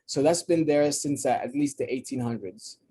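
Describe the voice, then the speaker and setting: Medium in pitch, dark and slightly rough, a Congolese man in his thirties speaks at a moderate pace as a guest in a casual New York City interview. He imports coffee, and he talks through the business thoughtfully, with frequent restarts.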